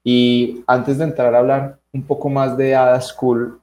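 A man's voice: medium pitch, flat delivery, a little slow, darkish tone, echoey room. A man with a Colombian accent hosting a radio interview and introducing a guest conversationally. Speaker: radio show host.

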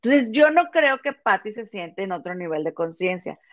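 A woman's voice: medium pitch, very animated, moderate pace, fairly bright tone, dry recording, muffled recording. Chatty woman, dry close sound. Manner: chatty, storytelling, calls her friend comadre. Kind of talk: casual gossip chat.

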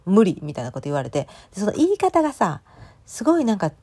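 A woman's voice: medium pitch, wildly swooping pitch, fast, mellow, breathy edge. A woman in her thirties with a Kansai accent, telling a personal story in a chatty, emotional way with many fillers. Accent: Kansai Japanese. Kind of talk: casual storytelling monologue.

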